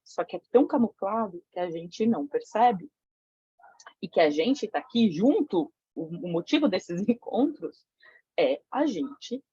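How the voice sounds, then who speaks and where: A Brazilian woman leads a women's circle, speaking in a mellow, husky voice and telling a candid story. She talks frankly and profanely, full of slang. The recording is dull and lo-fi. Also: mid-range voice, animated, a little slow, no echo. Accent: Brazilian Portuguese. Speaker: women's tantra circle facilitator. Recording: dull lo-fi sound.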